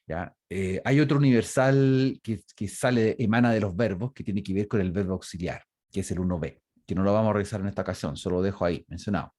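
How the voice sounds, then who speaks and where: Dark-voiced man lecturing online. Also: low-pitched, fast, no room sound, studio quality. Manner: explanatory, many fillers and self-corrections. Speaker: university lecturer. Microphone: video call microphone.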